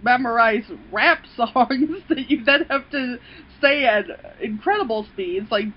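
A woman chatting on a podcast with a fairly high voice. She is animated, laughs a lot and swears casually. The audio is dull and lo-fi. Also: measured pace. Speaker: podcast co-host.

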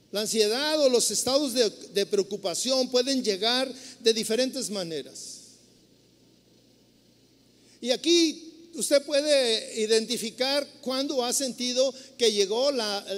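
A man with a Mexican accent preaches in a high, light voice, talking his listeners through everyday scenes like a storyteller. His words ring out with a long reverb from a large church hall. It feels like a live Sunday sermon. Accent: Mexican Spanish. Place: church sanctuary.

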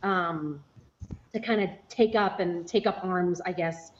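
A woman's voice: on the low side, unhurried. A woman co-hosting a casual faith-based talk show, chatty and a little hesitant, with many fillers. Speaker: podcast co-host. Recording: slightly muffled audio with faint noise.

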